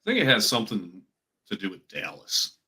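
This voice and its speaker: A man's voice: lowish voice, huge pitch swings, fairly quick, sharp tone, breathy edge. A man talking casually as a panelist on a livestream.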